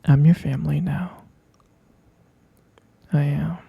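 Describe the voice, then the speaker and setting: A young man voicing an obsessive boyfriend who keeps his lover caged, whispering in a soft, coaxing way. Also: on the high side, steady tone, slow, dry recording, highs cut off, exaggerated voice. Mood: possessive, coaxing. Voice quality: breathy whisper. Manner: soft, coaxing, menacingly sweet. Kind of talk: whispered ASMR roleplay.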